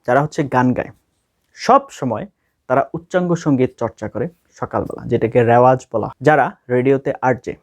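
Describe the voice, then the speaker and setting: A man's voice: medium pitch, a little mellow, dry recording. A man with a Bangladeshi accent teaching an English speaking lesson, explaining step by step and repeating key words for stress. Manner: reads practice lines very slowly and carefully. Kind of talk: spoken language lesson.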